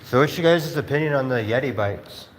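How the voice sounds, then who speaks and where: A man's voice: medium pitch, brisk. A man telling stories in a casual livestream, rambling and laughing with many fillers. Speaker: streamer. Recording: roomy space with faint noise.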